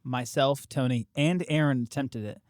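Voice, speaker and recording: A man's voice: mid-range voice, normal speed, darkish tone, no echo, clean studio sound. A man hosting a podcast, eager and playful with his guests. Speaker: podcast host. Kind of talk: casual podcast chat.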